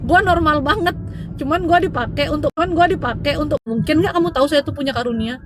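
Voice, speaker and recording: A chatty, teasing woman with a Balinese Indonesian accent hosts a casual live stream as a spiritual healer, calling her viewers dear. Her voice sits somewhat high, with a faint hiss of noise behind it. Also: fast. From Bali, Indonesia.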